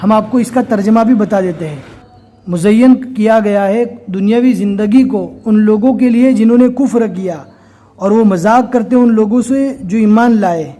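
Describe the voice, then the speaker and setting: High-voiced man teaching Quran reading. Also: dark tone. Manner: explains slowly and step by step, then recites in a slow chanting voice. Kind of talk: recorded recitation lesson.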